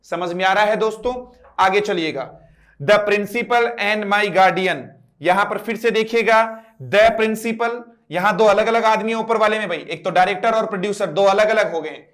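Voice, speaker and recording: A man's voice: high-pitched, fairly even intonation, moderate pace, fairly bright tone. A man with an Indian accent teaching an English grammar lesson, explaining step by step, asking his students questions and spelling words out letter by letter.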